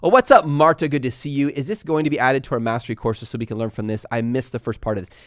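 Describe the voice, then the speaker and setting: A man from Texas and California hosting a casual live stream, talking fast and energetically while reading viewer comments aloud. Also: medium pitch, no echo, clean studio sound. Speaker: livestream host answering viewer questions.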